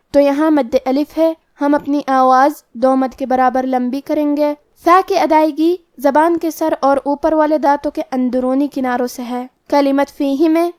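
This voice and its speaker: A woman teaching Quran recitation, explaining tajweed rules slowly and carefully, step by step. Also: sits high, darkish tone, no echo, clean studio sound. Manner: slow, careful step-by-step instruction.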